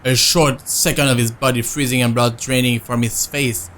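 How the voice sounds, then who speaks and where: Male streamer, mid pitch, reading game text, chatty asides. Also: fairly even intonation, normal speed, a bit bright, a little hiss or hum. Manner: reads narration, breaks off to answer chat. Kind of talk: reading a visual novel aloud with casual chat.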